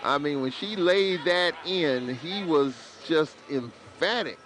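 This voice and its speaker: A man calling college basketball play-by-play, bursting into excited calls on big plays. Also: fairly high pitch, slow pace. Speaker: play-by-play announcer. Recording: crowd and arena noise behind.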